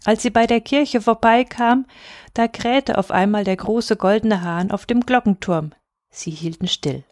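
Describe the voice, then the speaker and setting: A woman reading a fairy tale aloud in a calm, expressive way, sometimes dropping to a hush. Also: mid-range voice, unhurried, dry recording, studio quality. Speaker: storyteller.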